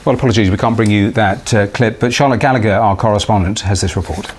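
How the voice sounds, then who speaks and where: Low-voiced man newsreader. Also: fast talker, slight background noise. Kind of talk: live news reading.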